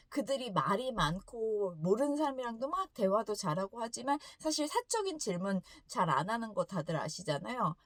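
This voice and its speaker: Female English-lesson host: animated storyteller, lively intonation, frequent laughs, dry close sound. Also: medium pitch, no echo. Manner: animated, laughs often between sentences.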